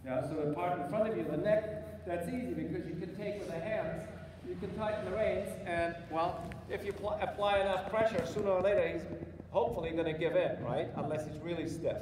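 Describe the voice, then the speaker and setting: Brisk and high-voiced, this middle-aged man coaches a rider live at a riding clinic, mixing short encouraging instructions with patient explanations. He is in a large indoor riding arena, captured by a spectator's camera some distance away. The audio is echoey and distant, with loud background noise.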